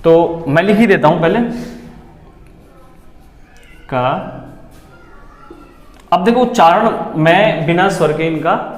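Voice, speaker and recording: A male teacher runs an exam-prep lesson, asking the class questions, answering them himself and repeating key words. His fairly high voice moves slowly with long pauses, in an echoey room with long reverb.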